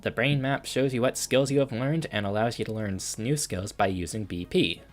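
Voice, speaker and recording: A man's voice: lowish voice, normal speed, faint music behind. A man casually commenting while playing a video game, reading out menus and skills. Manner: relaxed, reads out game menus with filler ums. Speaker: gaming streamer. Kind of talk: casual let's-play commentary.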